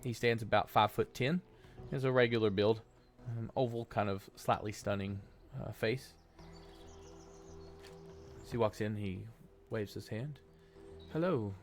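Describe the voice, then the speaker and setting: A man narrating a tabletop game as game master, slow and hesitant with frequent fillers. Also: lowish voice, fairly even intonation, faint music behind.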